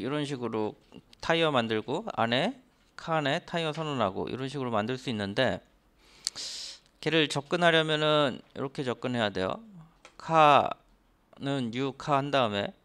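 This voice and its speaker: A man teaching programming in a screen-recorded lesson, speaking in a smooth, clear voice at a middle pitch. He explains one step at a time and checks in with rhetorical questions. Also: animated, moderate pace, a bit bright. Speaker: programming instructor. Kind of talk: screen-recorded coding lecture.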